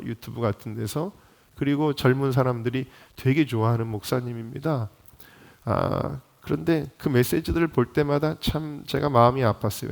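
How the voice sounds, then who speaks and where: A man preaching to his congregation in a church, mid-pitched and direct. He asks questions out loud and presses his points with rising intensity. His voice climbs and grows louder at the strongest points. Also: vocal fry. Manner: impassioned, rising to emphatic peaks. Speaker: pastor. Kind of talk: sermon. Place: church sanctuary.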